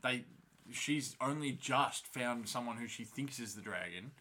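A man with a bright, punchy voice at a middle pitch talks casually and with animation. His speech is slangy and sweary, scattered with fillers like "you know", "um" and "like". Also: measured pace. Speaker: co-host of a fan discussion show. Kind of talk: casual chat recapping a fantasy TV series.

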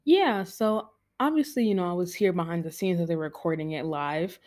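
A woman's voice: on the low side, a little fast, a little mellow. A woman in her early twenties co-hosting a podcast, chatting casually and laughing often. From United States. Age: 20s. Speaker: podcast co-host. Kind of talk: casual chat.

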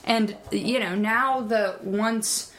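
A woman co-hosting a comedy podcast, laying out absurd invented history in a deadpan, storytelling manner. Her voice sits at a middle pitch. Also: slow pace. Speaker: podcast co-host.

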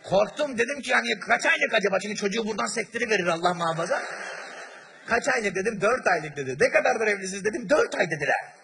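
High, bright-voiced stand-up comedian. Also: male voice, fast talker, slight background noise. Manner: animated storyteller, acts out voices, chats with the audience. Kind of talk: stand-up comedy with crowd work. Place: large theater stage before a live audience.

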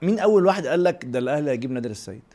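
A man's voice: a little high, expressive, very fast, mellow. A man with an Egyptian Arabic accent interviewing casually, often chipping in with prompts and agreement.

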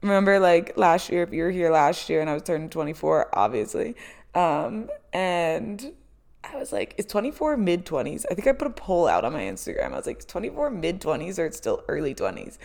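A young woman in her twenties, hosting a relaxed solo chat. Her fairly low voice has a gravelly fry, and her talk is loose and chatty, full of "um" and "like". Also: a little fast. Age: 20s. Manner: chatty, lots of "um" and "like", laughs often. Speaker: podcast host.

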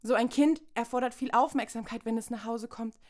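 A woman's voice: a little high, steady tone, fairly quick. A woman from Saxony-Anhalt in a satirical stage monologue, prim and self-important, lecturing. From Saxony-Anhalt, Germany.

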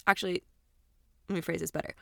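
A woman with a slightly low-pitched voice chats casually as a podcast co-host. She banters with animated emphasis. The sound is close and dry, as recorded inside a walk-in closet. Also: fast talker, gravelly, dry recording. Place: walk-in closet in a small apartment.

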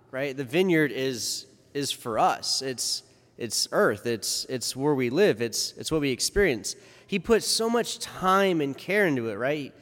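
A man's voice: on the high side, a bit bright. A man speaking as a priest at a church service, his voice carrying in a long cathedral echo. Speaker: priest giving a Gospel reading and homily. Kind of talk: church sermon. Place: large reverberant church.

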